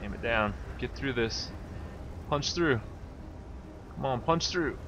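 A man's voice: medium pitch, takes it slowly, muffled recording, background noise. A man giving casual gameplay commentary, talking to himself and exclaiming as he plays. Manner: excitable, exclaiming, talks to himself. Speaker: video game player commentator.

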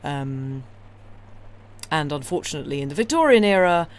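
Speaking at a normal speed in a low voice, a stream host who reads classic novels aloud rambles casually to her live audience. Her manner is wry, opinionated and enthusiastic, and steady background noise is clearly audible.

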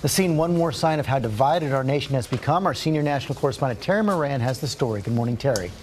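A middle-aged man anchoring a morning news show from a studio, in a brisk, crisp manner. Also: mid-range voice, expressive, darkish tone, a little hiss or hum.

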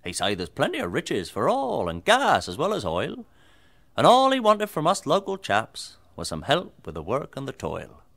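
A man's voice: huge pitch swings, moderate pace, vocal fry, fairly bright tone. A man performing a comic folk recitation in a broad rustic style. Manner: broad rustic delivery with sweeping swings in pitch. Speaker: folk storyteller.

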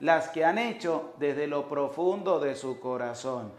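A man's voice: on the high side, animated, a little slow. A man in his thirties, a priest preaching a sermon at a chapel altar on a lapel mic, emphatic and fond of repeating rhetorical questions. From Venezuela. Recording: echoey chapel.

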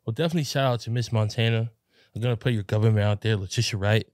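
A man's voice: fairly low pitch, racing, darkish tone, dry recording, clean studio sound. Man hosting a casual podcast interview. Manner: frequent "right" backchannels, friendly questions. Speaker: podcast host.

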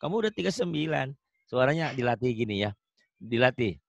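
A man tutors a student in Quran recitation over an online call. He talks in a lively, bouncy voice that rises and falls a lot, switching between easy chat and slow, stretched-out chanting of the verses. His voice sounds close and dry, with no room echo. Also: mid-range voice, creaky. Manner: chatty, coaching, chanting examples in a drawn-out melodic voice. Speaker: Quran reading teacher. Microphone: video call.

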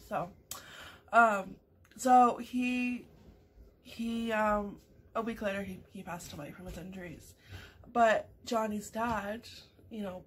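Over morning coffee in a small home room, a woman in her thirties from Canada vlogs to her webcam, rambling casually and often using fillers and restarting. Her voice is mid-range, and the low-quality recording carries slight background noise.

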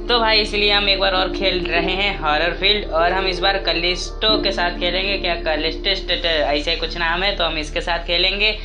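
A man giving casual, jokey gameplay commentary as a gaming YouTuber, talking excitedly to his viewers. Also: high-pitched, normal speed, few pauses. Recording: game music clearly behind voice.

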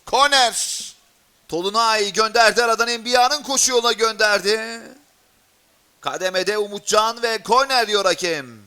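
High-pitched, excitable male football commentator. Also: moderate pace, clean tone. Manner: shouts and screams at goals and chances.

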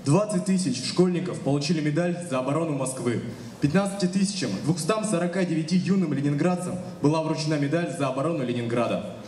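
Young guy mc reading solemn formal memorial script, highish voice, echoey hall, faint noise. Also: fast, a little mellow, recorded from a distance. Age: young adult. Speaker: ceremony presenter. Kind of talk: scripted commemorative narration. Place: stage of a hall. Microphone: microphone on stand through hall speakers.

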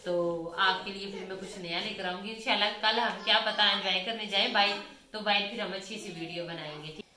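Filming a chatty home vlog on her phone, a woman from Pakistan rambles on to her viewers without pause, saying "theek hai" again and again as she goes in and out of doors. She speaks with a medium-pitched, bright, forceful voice. The room echoes, with faint ambience and slight background noise.

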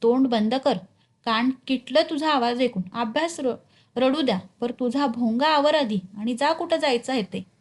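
A woman's voice: high voice, moderate pace. Woman doing a strict scolding village mother. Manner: scolding, raised voice.

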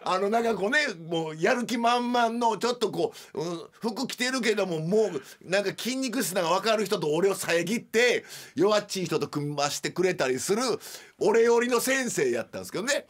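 Middle-aged kansai guy hosting radio, chatty and jokey, voice a bit on the high side. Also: normal speed, hardly any pauses. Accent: Kansai Japanese. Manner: chatty, animated, self-mocking. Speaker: radio host. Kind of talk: casual storytelling monologue.

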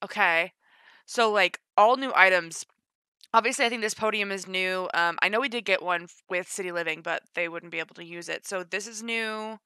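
A woman reacting to a game trailer, gushing and excitable, gasping often. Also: medium pitch, moderate pace, clean tone, no echo, studio quality. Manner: gushing, excitable, frequent gasps. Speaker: gaming youtuber. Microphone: home desk mic, no face cam.

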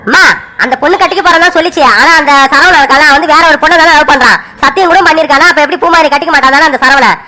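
A woman's voice: high voice, racing, pushed and bright. A woman voicing an upset young man who complains to his mother and keeps repeating himself in a village family cartoon. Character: young man, upset son, insistent and frustrated. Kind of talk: animated cartoon serial voice.

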